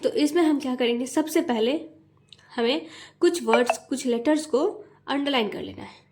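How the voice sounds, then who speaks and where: In this parenting tutorial, the channel host, a mother and tutor, has a darkish-toned, slightly high voice. Step by step she explains things with patience, sounding out words letter by letter in a slow, lilting sing-song.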